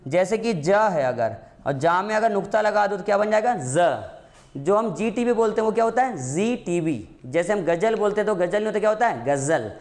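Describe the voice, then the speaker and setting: A man's voice: high voice, quick pace, hardly any pauses, darkish tone. A man teaching a grammar lesson for exam prep, calling his students "beta", asking them questions and answering them himself, and repeating the key points.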